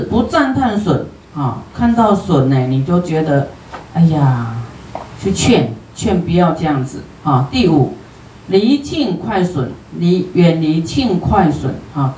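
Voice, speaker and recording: A Buddhist teacher with a Taiwanese Mandarin accent lectures on a sutra, unhurried and homely, and dots every sentence with drawn-out particles. The voice sits some distance from the microphone in a roomy, echoing space with a faint hum of ambience behind it. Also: medium pitch, lively intonation, darkish tone. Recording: roomy hall, distant from the mic.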